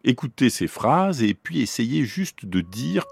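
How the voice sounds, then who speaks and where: A man's voice: medium pitch, very animated, measured pace, creaky, heavy background noise. A man explaining how babies learn words in a radio science talk, posing questions to the listener as he goes. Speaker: neuroscientist explaining the brain.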